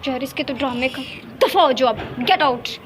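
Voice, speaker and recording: A woman vlogging casually from a rooftop, chatting to viewers and often scolding and coaxing her cat in a high playful voice. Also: normal speed, background noise. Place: outdoors on a rooftop.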